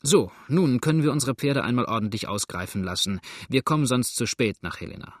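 A man's voice: medium pitch, a little fast, no room sound, clean studio sound, natural voice. A man doing a grumbling old frontier rider. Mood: curt. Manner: grumbling, curt. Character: gruff older male frontier rider, grumbling.

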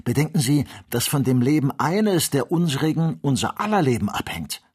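A man's voice: mid-range voice, expressive, normal speed, darkish tone, breathy edge, voice pushed up. A man doing an eager, urgent young servant. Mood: urgent warning. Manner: urgent, warning. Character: loyal young male servant, eager and cautious.

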